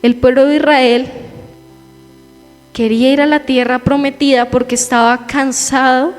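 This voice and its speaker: A young woman giving a personal testimony in church, telling her story with lively quoted asides. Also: high voice, measured pace. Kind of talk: testimony sermon. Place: church hall. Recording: reverberant church hall with faint music.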